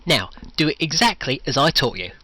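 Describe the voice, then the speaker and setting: A man's voice: medium pitch, sing-song, brisk, sharp tone, a little hiss or hum. A man playing an obsequious, hesitant henchman in a comedy audio cartoon, nervously eager to please his evil master. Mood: nervous fawning. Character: fawning, nervous henchman of a supervillain. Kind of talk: audio comedy character acting.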